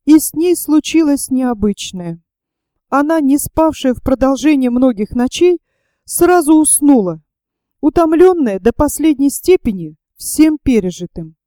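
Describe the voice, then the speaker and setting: A woman reads a novel aloud in a steady, measured audiobook style. Her voice sits a little high, yet it sounds dark and mellow. The recording is close and dry. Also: dry recording. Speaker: narrator.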